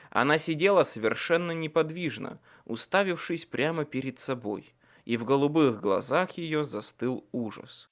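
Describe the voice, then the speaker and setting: A man reading a first-person audiobook in an expressive, dramatic way. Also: fairly high pitch. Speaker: audiobook narrator.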